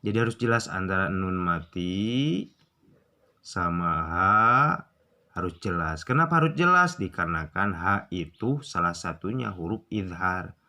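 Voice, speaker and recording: Slow, deep-voiced Sundanese man teaching. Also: expressive, sharp tone. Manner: repeats examples slowly, asks and answers his own questions. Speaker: Quran recitation teacher. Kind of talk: casual tutorial explanation.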